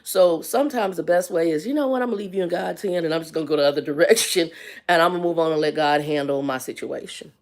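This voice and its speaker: A woman's voice: on the low side, fast talker. A woman in her fifties telling a personal story on a casual livestream, candid and colloquial, with faith-based asides. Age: 50s. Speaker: livestream host.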